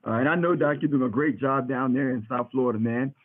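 Hosting a radio interview, this middle-aged pastor talks in a relaxed, warm, brotherly way and keeps repeating himself. His voice is medium in pitch and fast. The sound is muffled like a phone line, with noticeable room echo.

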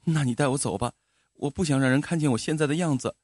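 A man's voice: fairly high pitch, quick pace, darkish tone, no room sound, close to an everyday voice. A man voicing a disfigured young village woman who pleads through tears in a storybook tale. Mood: tearful pleading. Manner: pleading, tearful.

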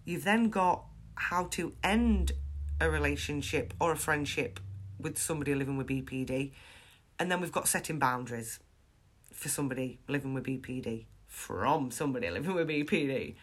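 A woman talks alone into her podcast mic in a loose, chatty way. Her voice sits a little low and sounds stuffy from a chest infection. She is frank and pokes fun at herself. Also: moderate pace. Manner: chatty, frank, self-deprecating. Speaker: podcast host. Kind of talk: casual solo podcast monologue.

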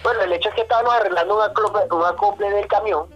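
Animated man telling a work story. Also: sits high, racing, highs cut off, faint music behind. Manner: animated, swears, addresses listener as brother. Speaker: podcast guest, mechanic. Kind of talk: casual storytelling.

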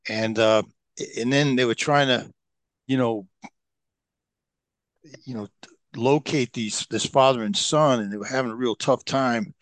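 There's no echo on this recording of a middle-aged podcast guest who speaks in a medium-pitched, steady voice, unhurried and with long pauses. He tells long, loose stories in a casual way, with many fillers and restarts.

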